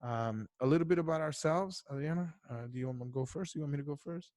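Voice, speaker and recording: A man's voice: a little high, quick pace, a little mellow, no echo, clean studio sound. A man born in Ecuador and raised in the US, co-hosting a casual podcast, chatty, laughing often and restarting his phrases. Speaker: podcast co-host. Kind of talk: casual chat.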